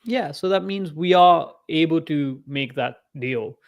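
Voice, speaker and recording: A man's voice: a little high, measured pace. A man co-hosting a casual podcast, enthusiastic and laughing easily. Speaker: podcast co-host. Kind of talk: casual chat.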